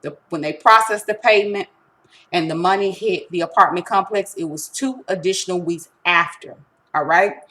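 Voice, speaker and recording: A woman with a lowish, bright, pushed voice talks at a moderate pace. She presents at a resource center, giving an informal step-by-step tutorial in an instructive, emphatic way and often checking that listeners are keeping up.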